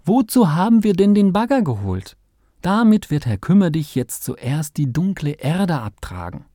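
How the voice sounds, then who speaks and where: A man voicing a careful, bossy woman archaeologist in a children's story, in a high, emphatic voice. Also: big pitch swings, moderate pace, dark tone, no room sound, clean studio sound. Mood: scolding.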